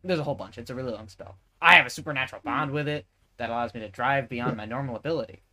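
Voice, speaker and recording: Guy at a game table, middle-pitched voice, rambles on with lots of likes and ums. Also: racing, bright, forceful tone, a little hiss or hum, rough recording. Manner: rambling, reads rules aloud with fillers. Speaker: player. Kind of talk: casual tabletop game chat.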